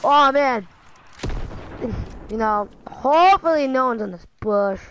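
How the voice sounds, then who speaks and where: A woman giving excitable, rambling gameplay commentary, full of fillers and restarts, dropping to mutters and jumping to shrieks. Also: normal speed, a little hiss or hum, low-quality recording. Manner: excitable, swings from low muttering to sudden shrieks. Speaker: gaming channel host.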